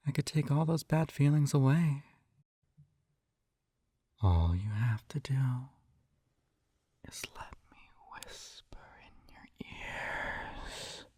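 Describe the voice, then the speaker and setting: Mellow and husky in the mid range, a man performs a scripted, intimate roleplay as a possessive male yandere captor who hypnotizes and coaxes. He sounds doting, a bit condescending, and sighs a lot, with clean studio sound free of room noise.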